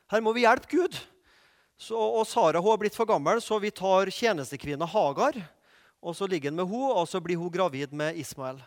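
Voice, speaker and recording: Male preacher, kinda high voice, chatty storytelling sermon, long echo like a big hall. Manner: lively storytelling with asides and questions to the audience.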